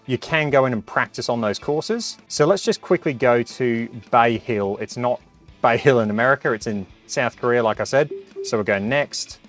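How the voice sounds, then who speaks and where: A man's voice: medium pitch, normal speed, faint music behind. A man giving a casual hands-on review, chatting and reacting aloud as he plays. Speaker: product reviewer.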